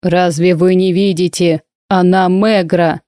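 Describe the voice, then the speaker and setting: A woman's voice: fairly low pitch, level tone, unhurried, warm tone, no room sound, studio quality, natural voice. A woman reading the lines of a fierce male warrior who harshly accuses a witch, in an audiobook. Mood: accusing.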